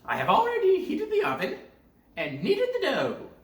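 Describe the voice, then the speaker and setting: A woman voicing a greedy, impatient old witch in a storybook tale, with a shrill, bossy delivery. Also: huge pitch swings, normal speed, heavily acted. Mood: sly, commanding. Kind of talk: storybook character voice. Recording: roomy sound, distant from mic.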